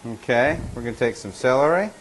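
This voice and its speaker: A man hosts a casual cooking demonstration in a middle-pitched voice. He is plain-spoken and informal, talking as if to a pal. There is clear noise behind him. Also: lively intonation, brisk. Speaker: cook hosting a cooking show. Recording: noisy live room sound.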